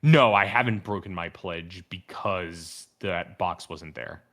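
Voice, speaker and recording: A man with a lowish voice hosts a casual podcast review. He speaks earnestly and with enthusiasm, spinning out wordy, analytical thoughts in an informal way. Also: takes it slowly, fairly bright tone. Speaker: podcast host.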